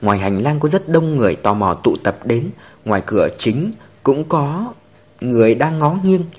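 A man narrating a story in an expressive storytelling manner. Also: mid-range voice, normal speed.

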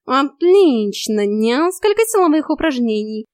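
A woman's voice: sits high, big pitch swings, a little slow, no echo, clean studio sound, pitched above the performer's own voice. A woman voicing a cheeky male talking cat who teases like a bossy fitness coach in an audiobook. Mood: mocking. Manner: teasing, bossy drill-instructor banter. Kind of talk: audiobook character voice.

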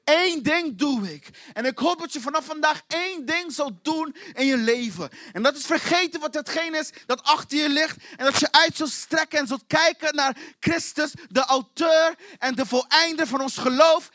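Impassioned high-voiced male preacher. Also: no echo. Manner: repetitive, impassioned preaching with shouted questions. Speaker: pastor. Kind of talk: sermon. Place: church.

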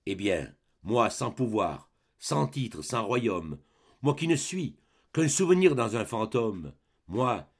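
A man reading the part of a sad, sickly young exiled prince, lower and softer, brooding through verse in a dramatic reading of a play. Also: big pitch swings, slow pace, exaggerated voice. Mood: wistful.

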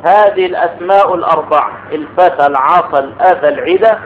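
A man with a fast, rather high voice teaches an Arabic grammar lesson, explaining each step and putting questions to the class. The recording is tinny and phone-like, with faint noise.

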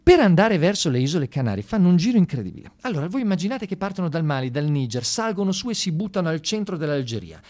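His voice is fairly high with a darkish tone. Working as a radio monologue performer and storyteller, he addresses listeners from the studio in a colloquial, informal satire full of irony and mock enthusiasm.

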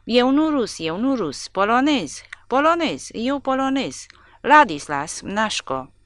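A woman's voice: sits low, lively intonation, bright, forceful tone, clean tone, dry recording, clean studio sound, heavily acted. A woman voicing a frightened Polish farmer who pleads in broken speech. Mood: frantic.

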